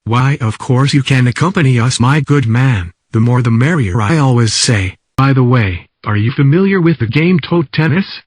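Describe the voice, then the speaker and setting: A pompous, scheming gentleman who talks loudly and floridly, as a man puts him on. The recording is dry and close. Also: medium pitch, normal speed, no room sound, close to an everyday voice. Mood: jovial.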